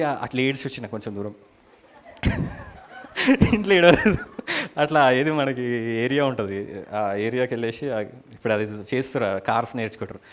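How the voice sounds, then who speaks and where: A man preaching, retelling a scripture story in a dramatic, colloquial way and calling out hallelujah. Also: medium pitch. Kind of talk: storytelling sermon.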